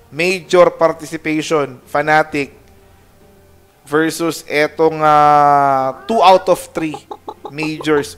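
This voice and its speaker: A man's voice: a little high, smooth. Joking male esports caster. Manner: joking banter, bursts into loud excitement on big plays. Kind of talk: play-by-play commentary.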